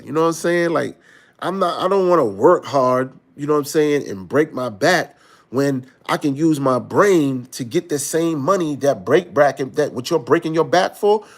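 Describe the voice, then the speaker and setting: A man's voice: a little high, gravelly. A man talking casually to camera, telling a story and acting out conversations, often asking "you know what I'm saying". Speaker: vlogger.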